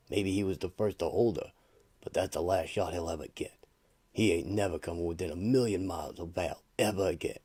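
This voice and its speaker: A man playing a gruff, warm-hearted tough-guy uncle in a comic-book radio play, slangy and plainspoken. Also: sits low.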